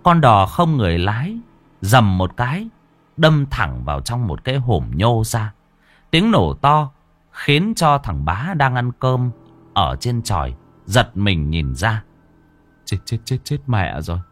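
A man's voice: medium pitch, sing-song, takes it slowly, a bit bright. A man narrating a ghost story in a dramatic, ominous manner.

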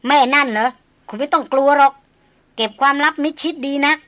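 A woman's voice: high-pitched, fairly quick, a bit bright, no room sound, voice pushed up. A woman reading an audiobook who voices a proud, jealous young noblewoman with sarcastic, clipped retorts.

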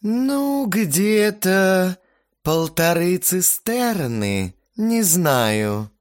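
Male reader voicing a shrugging party girl, high and flat-toned. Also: drawn-out words, full character voice. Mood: offhand. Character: hungover offhand young woman.

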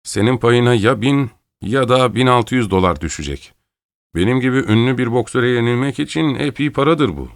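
A man voicing a boastful, quick-tempered male boxer who talks in a pushy, blustering way. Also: mid-range voice, animated, dry recording, studio quality, pitched above the performer's own voice, natural voice.

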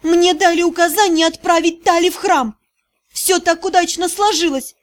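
A woman reading an audiobook, voicing a desperate, proud sixteen-year-old girl in a shrill, shaky voice. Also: fairly even intonation, moderate pace. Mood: defiant.

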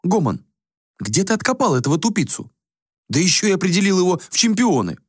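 A man's voice: high-pitched, sing-song, fairly quick, husky, no room sound, studio quality, voice pushed up, exaggerated voice. A man voicing a vain young prince and painter who is flippant, affected and rude. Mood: mocking. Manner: mocking, dismissive, affected.

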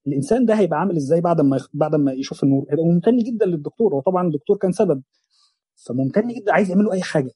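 A young Egyptian-accented man teaches a Quran chapter, explaining in a rapid, slightly raised voice. His tone is mellow and husky, and the recording is dry and close. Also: fairly high pitch, animated, no echo. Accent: Egyptian Arabic. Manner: fast colloquial explanation mixed with quoted verses. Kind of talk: religious lesson on a Quran chapter.

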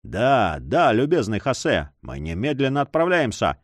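A man's voice: medium pitch, big pitch swings, normal speed, no room sound, studio quality, lightly acted. A man reading the part of a proud, vengeful young captain, speaking in vehement, impassioned outbursts. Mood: grieving.

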